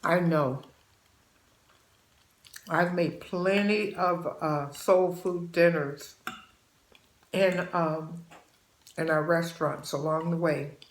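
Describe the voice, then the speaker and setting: Speaking slowly and steadily in a lowish voice, she leaves long pauses, and the room sounds roomy. This sixty-something channel host chats while eating, passing homespun, motherly advice to the viewers she calls babies.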